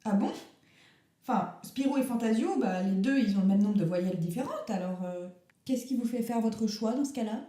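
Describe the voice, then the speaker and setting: A woman's voice: mid-range voice, moderate pace, warm tone, reverberant, pitched below the performer's own voice, close to an everyday voice. A woman playing an earnest young radio interviewer who asks questions in a mock-formal, teasing way in a comic radio sketch.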